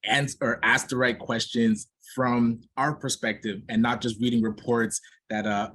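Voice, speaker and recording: Low, husky-voiced earnest man. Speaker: panelist. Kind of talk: online panel discussion.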